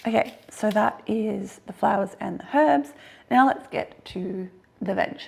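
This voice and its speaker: An Australian woman with a husky, hoarse voice today, chatting casually to camera about her garden, self-deprecating and laughing often. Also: medium pitch, measured pace, a little mellow. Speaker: gardening vlogger.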